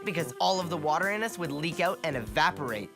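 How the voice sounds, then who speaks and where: A playful woman presenting science to children with a bouncy delivery. Her voice sits slightly low but swings widely in pitch. Music plays beneath her. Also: expressive, fast. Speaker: children's science show host. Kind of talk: upbeat kids' science presenting.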